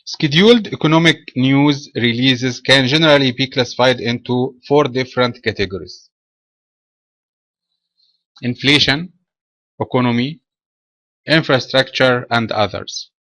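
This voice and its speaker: A man from Egypt presenting a trading webinar in a measured, explanatory way. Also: mid-range voice, fairly bright tone.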